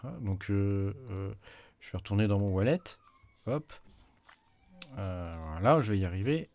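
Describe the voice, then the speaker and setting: A man's voice: fairly low pitch, measured pace, mellow. A man giving a casual screen-recorded tutorial, hesitant with many fillers as he clicks through menus at his desk mic. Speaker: tech YouTuber.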